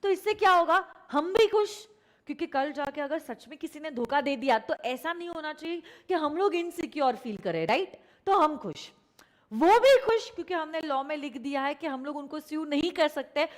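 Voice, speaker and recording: An Indian woman teaching law in a live online lecture. She mixes Hindi and English, repeats key phrases for emphasis, and puts questions to her students. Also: high voice. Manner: addresses students directly, asks them questions.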